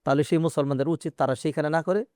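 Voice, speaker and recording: A man, an Islamic scholar answering questions in a measured, explaining way with hesitant fillers. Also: a little high, steady tone, darkish tone, dry recording, studio quality. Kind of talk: religious Q&A interview.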